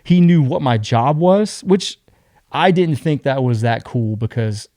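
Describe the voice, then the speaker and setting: A young man tells a story as a podcast guest, lively and full of acted-out quotes. His voice is dark and mellow. The sound is dry, close to the mic. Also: medium pitch, measured pace, dry recording. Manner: animated, acts out other people's lines. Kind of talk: casual storytelling.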